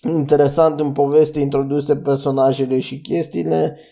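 A man's voice: fairly high pitch, flat delivery, gravelly, mellow. Chatty young man reviewing episodes. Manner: chatty, loose and rambling, with restarts and fillers. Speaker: podcast host. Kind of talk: casual solo podcast review.

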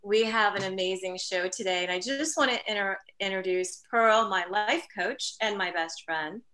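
Bright woman co-hosting a radio show. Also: mid-range voice, normal speed. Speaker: radio co-host.

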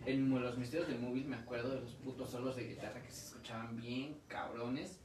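A man's voice: mid-range voice, steady tone, fairly quick, distant mic. A young Mexican man talks in loose, slangy chat, swearing and circling back as he tells a story. His voice sits back from the mic in an echoey room, with faint background noise. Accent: Mexican Spanish. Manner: slangy, swears freely, retells stories with restarts. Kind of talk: casual chat.

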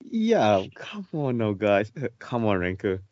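A man co-hosting a casual podcast, talking in halting bursts, repeating himself and laughing often. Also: on the low side, sing-song, a little mellow, no echo. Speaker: podcast co-host. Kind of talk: casual chat. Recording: dry, dull lo-fi sound.

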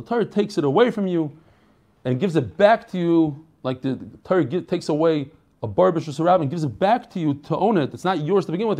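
Lively joking man teaching Talmud. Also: fairly high pitch. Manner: joking and animated, sprinkles in Hebrew and Yiddish terms; frequent restarts and self-corrections. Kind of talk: casual daily Talmud class.

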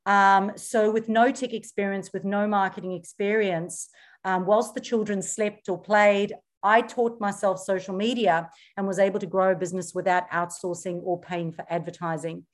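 A woman's voice: mid-range voice, fairly even intonation, normal speed. A middle-aged woman from South Africa whose accent is blended with Australian, answering interview questions in an earnest, explanatory way with frequent ums. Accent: South African mixed with Australian. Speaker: podcast guest, social media coach.

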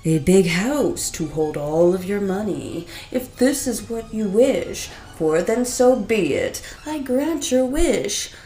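A woman voicing a stern, sly male genie who speaks in slow, drawn-out warnings. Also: mid-range voice, lively intonation, mellow, roomy sound, soft background music. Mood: ominous.

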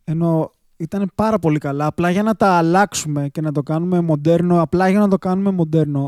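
Mellow-voiced man arguing sports. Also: on the high side, dry recording, clean studio sound. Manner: argumentative, insistent. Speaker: podcast co-host. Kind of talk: casual sports chat.

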